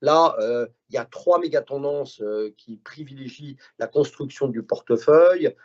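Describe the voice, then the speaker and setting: A man on a conference panel walks through his fund's strategy in a measured way, peppering his speech with fillers and tag words. The recording is dull and lo-fi. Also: medium pitch. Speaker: asset management director. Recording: dull lo-fi sound.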